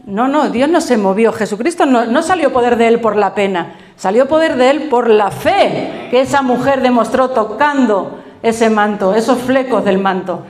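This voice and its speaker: A middle-aged woman pastor with a Spain Spanish accent preaches a sermon in a lively storytelling style, acting out quotes and laughing as she goes. Her voice is a little high and her speed normal, with a roomy sound.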